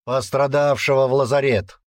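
A man voicing a gruff, brutal old male warrant officer who barks and taunts loudly. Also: on the high side, big pitch swings, unhurried, dry recording, studio quality, voice pushed up. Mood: commanding. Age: older. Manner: barking, taunting, loud.

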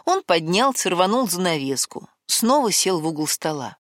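A woman narrating a novel as an audiobook, with an expressive, varied reading. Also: on the low side, normal speed, no room sound, clean studio sound.

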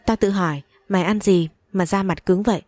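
A woman's voice: mid-range voice, steady tone, fairly quick, a little mellow, dry recording, lightly acted. A woman reading as a cold, arrogant rich young man. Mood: contemptuous. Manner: contemptuous, curt.

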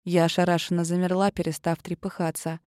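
A woman narrating a first-person fantasy story with expressive, tense storytelling. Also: fairly low pitch, fairly quick, no echo, clean studio sound. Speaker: audiobook narrator.

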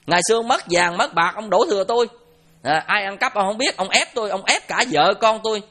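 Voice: mid-range voice, fairly quick, sharp tone. Teacher doing an aggrieved vengeful son, southern vietnamese accent, grudging, storytelling sermon. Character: wronged son taking revenge, then sparing his father.

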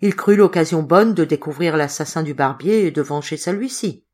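Female audiobook narrator, lower voice, steady and expressive. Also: moderate pace. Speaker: audiobook reader.

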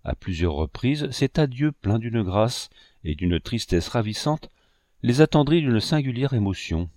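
A man narrating a classic novel aloud in a measured, expressive way. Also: mid-range voice, no echo, studio quality. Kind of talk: audiobook reading.

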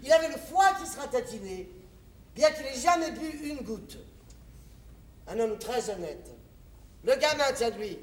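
A woman's voice: on the high side, lively intonation, moderate pace, long pauses, close to an everyday voice. An actress playing a shrewd, fiercely protective mother who trades from war to war, blunt and wry in theatrical stage style. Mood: wry, brazen. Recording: echoey theatre, distant mic, faint noise.

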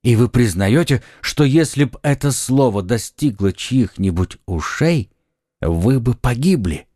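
A man's voice: mid-range voice, expressive, measured pace, mellow, dry recording, studio quality. A man voicing an ardent young nobleman in an audiobook, earnest and insistent. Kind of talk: audiobook acting.

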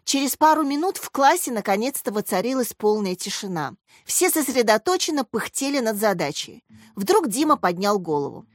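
Expressive woman reading a children's story. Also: on the high side, moderate pace, dry recording, clean studio sound. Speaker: narrator. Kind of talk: storybook narration.

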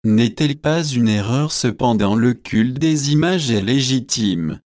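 A provocative young student makes his case in a storybook, read out by a man. The delivery is very slow and measured. The voice sits at an ordinary pitch. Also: lively intonation, darkish tone, dry recording, clean studio sound, close to an everyday voice. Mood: arguing.

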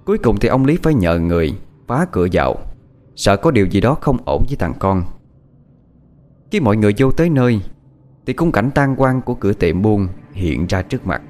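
A man's voice: on the low side, big pitch swings, a little fast, darkish tone. A man narrating a horror story with dramatic storytelling.

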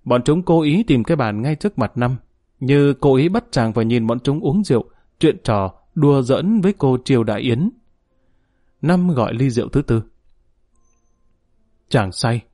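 A man reading a novel aloud in a steady, measured storytelling voice. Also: medium pitch, no room sound, studio quality. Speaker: narrator. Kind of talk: audiobook narration.

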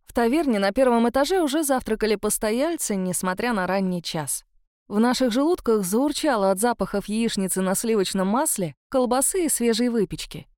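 A woman's voice: fairly high pitch, brisk, no echo, clean studio sound. Woman reading a first-person audiobook. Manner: steady, expressive reading. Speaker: audiobook narrator.

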